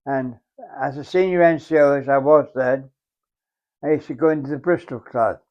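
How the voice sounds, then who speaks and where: A very old man of about a hundred with an English accent, recalling his service as a veteran in a halting, reflective, unhurried way. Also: medium pitch. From England. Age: very old, around 100. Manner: very old man's halting, reflective delivery with repeated phrases. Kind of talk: unhurried oral-history reminiscence. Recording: dull, muffled lo-fi sound.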